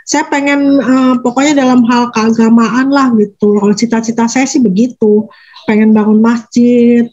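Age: adult. Sex: woman. Role: interview guest. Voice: fairly high. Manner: rambling, halting, self-correcting. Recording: dull and lo-fi. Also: flat delivery, a little mellow. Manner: rambling, halting, corrects herself mid-sentence. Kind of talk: casual conversational interview.

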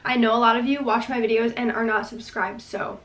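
A woman's voice: on the high side, fairly even intonation, fairly quick, a bit bright. A woman in her twenties chatting to camera as a lifestyle vlogger, a little stuffy from a recent illness, enthusiastic and full of "like". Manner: chatty, says "like" a lot, enthusiastic. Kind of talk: casual chat to camera. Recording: roomy echo, mic at a distance.

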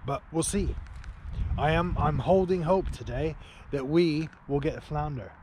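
On a riverbank, a fortysomething angling vlogger talks into a nearby or close-held action camera, his voice on the high side and his pace measured. He stays laid-back, drops "man" and "dude" constantly, and gets excited when he lands a fish. The recording is rough, full of outdoor wind and ambient noise.

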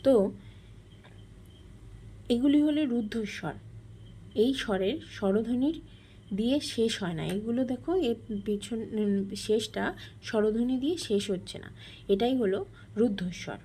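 A woman's voice: a little high, normal speed, pauses often, warm tone, slight background noise. A woman teacher explaining a grammar lesson step by step, asking questions and answering them.

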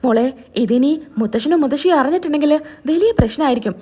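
Woman doing an auntie type, gentle tut-tutting scolding, high lively voice. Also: fast. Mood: reproachful. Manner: gentle, reproachful. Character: older aunt of the household, gently scolding.

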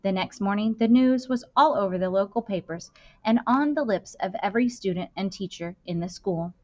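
A school librarian with a mid-range female voice reads a children's novel aloud, her phrasing expressive and deliberate. The indoor recording sounds slightly dull and lo-fi, like a basic webcam setup.

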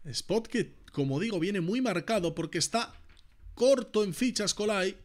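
Excitable male poker caster with a high, swooping voice. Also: measured pace. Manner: excitable, bursts into shouts at big hands. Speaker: poker commentator. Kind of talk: live poker commentary.

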